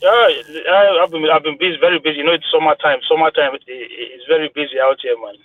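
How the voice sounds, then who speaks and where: Guy talking fast on a group voice chat, tinny phone-like sound, keeps restarting his sentences. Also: a little high, dry recording. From Nigeria. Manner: earnest, argumentative, many restarts. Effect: heard through a group voice chat line. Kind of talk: debating in a live group voice chat. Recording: tinny phone-like dry line.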